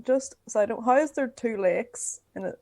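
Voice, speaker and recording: Northern Irish woman interviewer, chatty and rambling, brightish voice, dry close sound. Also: fairly high pitch, moderate pace, no room sound. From Northern Ireland. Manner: chatty, rambling, asks lots of questions. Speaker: podcast co-host interviewer. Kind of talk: casual chat interview.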